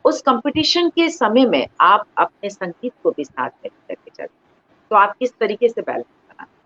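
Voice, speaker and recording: A woman's voice: mid-range voice, sing-song, moderate pace, a bit bright, no echo, muffled recording. A woman hosting an online interview, formal and encouraging, often stopping to praise her guest. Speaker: interview host.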